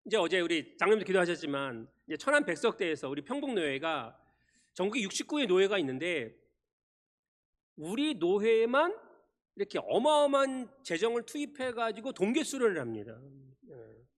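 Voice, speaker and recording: A male pastor preaching a Sunday sermon, firing rhetorical questions at the congregation and swinging between loud emphasis and quiet asides. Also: high-pitched, sing-song, normal speed. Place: church sanctuary. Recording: long church reverb.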